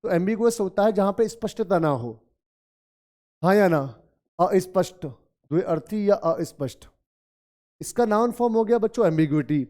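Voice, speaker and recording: High-voiced Hindi-accented male teacher. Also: lively intonation, moderate pace, long pauses, mellow. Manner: addresses students as children, repeats key words. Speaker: English teacher. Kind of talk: classroom lesson explaining vocabulary.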